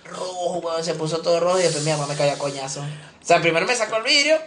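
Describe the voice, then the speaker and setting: A man's voice: fairly high pitch, fast talker, fairly bright tone, slight background noise. A young man co-hosting a podcast, telling playful childhood stories in casual chat, full of laughter and sound effects. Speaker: podcast co-host. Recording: echoey room.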